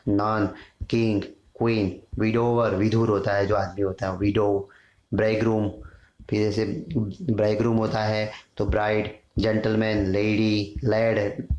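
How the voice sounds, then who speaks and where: A man with a Hindi accent teaches English grammar in a low, level voice. He reads out long lists of word pairs and slows down over English sentences. The room around him sounds echoey. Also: darkish tone. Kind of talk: classroom lesson, Hindi explanation with English words.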